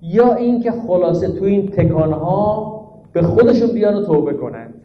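A man's voice: sits high, animated, slight background noise. A man giving a sermon, asking his listeners rhetorical questions, stressing his points, and reciting Arabic verses. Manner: rhetorical questions, emphatic teaching tone. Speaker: preacher. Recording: dull, echoey hall recording.

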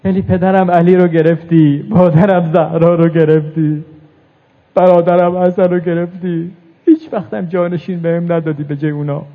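A man preaching a religious mourning sermon, reciting Arabic verses and moving between hushed telling and rising lament. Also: a little high, steady tone. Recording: tinny phone-like recording.

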